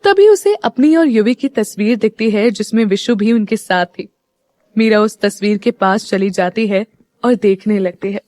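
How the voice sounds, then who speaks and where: A woman narrating an audio story in a steady, even storytelling manner. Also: mid-range voice, normal speed, dry recording.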